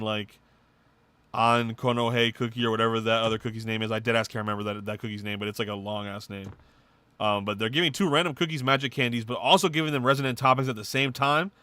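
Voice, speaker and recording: A man co-hosting a podcast, rattling off game news in casual, swearing slang with excitement. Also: medium pitch, clear, resonant tone, dry recording. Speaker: podcast co-host. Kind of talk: casual chat.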